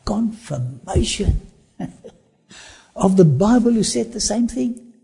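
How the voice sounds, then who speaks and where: An expressive male host with an Afrikaans accent narrates a travel documentary, pressing slowly on each phrase. The voice is pitched a touch high yet husky and dark, with a gravelly rasp, and he slips into little sermons along the way.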